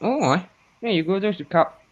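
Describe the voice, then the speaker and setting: A man's voice: high voice, expressive, brisk. A man in his fifties teasing his friends in a shed, laughing often. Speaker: regular in a chat among friends. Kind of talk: casual banter. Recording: dull lo-fi recording.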